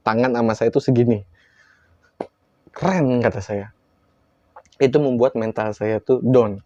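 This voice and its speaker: A man telling a horror story in a casual, lively way, acting out quoted lines with big jumps in his voice. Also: medium pitch, moderate pace, lo-fi sound.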